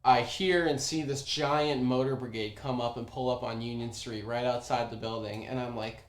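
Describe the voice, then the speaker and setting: A young man casually telling a personal story, animated, with many ums and restarts. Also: medium pitch, moderate pace. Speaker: former oyster bar worker telling a story. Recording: roomy echo.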